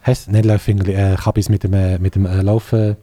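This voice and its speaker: A man's voice: sits low, little pitch movement, quick pace, mellow. A middle-aged man with a Swiss German accent, a slam poet and guest, rambling and joking in casual chat. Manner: rambling, joking, self-mocking.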